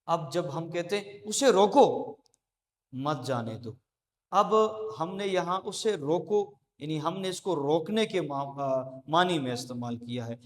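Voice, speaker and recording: A man giving a classroom lecture at a board, explaining slowly with frequent pauses and fillers. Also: a little high. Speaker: teacher. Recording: long hall reverb.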